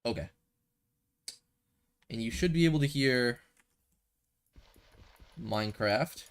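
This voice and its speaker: This young streamer speaks slowly in a smooth, mid-range voice, a little congested from a cold. Seated at a desk microphone, he offers casual, rambling commentary on the building game he's playing, thinking aloud as he goes.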